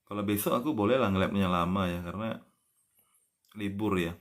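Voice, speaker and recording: Guy with a lowish voice teaching on a live stream, slow patient drawl, spells stuff out, says ya after everything. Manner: patient, drawls example words slowly and spells them letter by letter; ends nearly every phrase with a soft "ya". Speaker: language teacher. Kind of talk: casual live-stream lesson.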